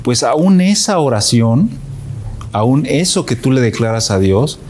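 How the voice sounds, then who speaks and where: A man's voice: mid-range voice, big pitch swings, unhurried, darkish tone, slight background noise. A man, a guest in a casual faith chat, who speaks in a thoughtful, hesitant way with frequent fillers.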